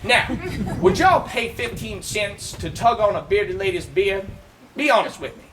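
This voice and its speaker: A man's voice: sits high, animated. A Southern-accented man performs first-person living history, telling a folksy yarn with teasing asides to the crowd. His voice swoops widely up and down as he spins the tale. He is recorded outdoors from some distance, with faint ambient noise behind him. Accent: Southern American. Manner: folksy, teasing, drawn-out delivery with audience asides.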